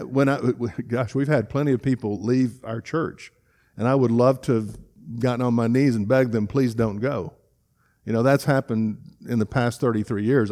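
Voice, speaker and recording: A man's voice: mid-range voice, a little mellow. Earnest, emotional male pastor preaching. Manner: earnest, emotional, halting with restarts. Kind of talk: sermon. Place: church sanctuary.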